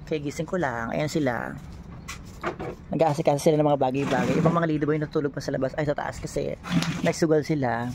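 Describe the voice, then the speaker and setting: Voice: medium pitch, a little fast. Breathless Filipino vlogger, noisy phone video. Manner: breathless, exclaiming, playful. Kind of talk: casual travel vlog.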